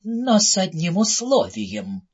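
A man voicing a wicked, cold-blooded fairy woman who hisses her words slowly and sweetly. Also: high-pitched, huge pitch swings, slightly rough, exaggerated voice. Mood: sly, sugary. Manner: hissing, slow and drawn out. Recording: dull lo-fi audiobook recording.

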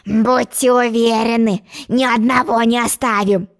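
A woman reading a storybook, voicing a stubborn, boastful little boy who grumbles slowly. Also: high-pitched.

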